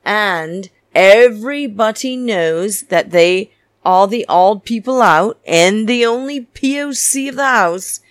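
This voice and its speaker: A woman's voice: mid-range voice, lively intonation, takes it slowly, dry recording, studio quality. A woman hosting a solo reality TV recap podcast in a campy, theatrical, diva-like manner, opinionated and gossipy. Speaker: podcast host.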